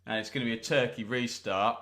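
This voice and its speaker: A man from England hosts a live football watch-along, commentating on the play and chatting to viewers with jokes and asides. His mid-range voice has a steady, fairly bright tone, and he talks a little fast.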